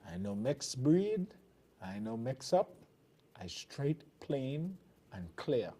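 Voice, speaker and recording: In a very noisy television broadcast, a medium-pitched man from the Bahamas speaks slowly in a sing-song Bahamian accent. As host of a TV commentary show, he delivers fiery, emphatic political commentary with a preaching cadence.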